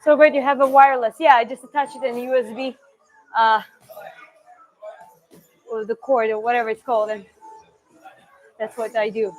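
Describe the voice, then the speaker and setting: A young woman with a Georgian accent streams live as a martial arts streamer, loosely answering viewer questions and demonstrating techniques with restarts and sound-effect "bum"s. Her steady, highish voice moves at a moderate pace with frequent pauses, over faint music on a low-quality recording.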